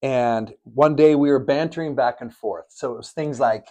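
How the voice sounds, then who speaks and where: A man's voice: medium pitch, normal speed, warm tone. A middle-aged man co-hosting a faith podcast, telling stories in an earnest, preachy way. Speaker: podcast co-host. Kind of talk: faith-based podcast chat. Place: studio in Arizona.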